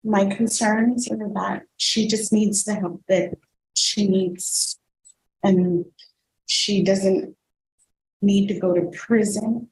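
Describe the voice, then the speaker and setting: A woman testifying as a witness in a courtroom recording, speaking softly and pleading. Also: mid-range voice, steady tone, slow pace. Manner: pleading, soft-spoken. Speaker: witness, defendant's mother. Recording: echoey courtroom audio from far off, faint noise.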